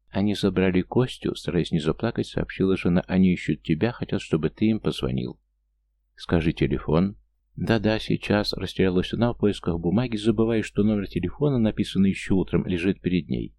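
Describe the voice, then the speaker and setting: Deep gravelly male audiobook narrator. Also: dark tone. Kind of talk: scripted narration of a thriller.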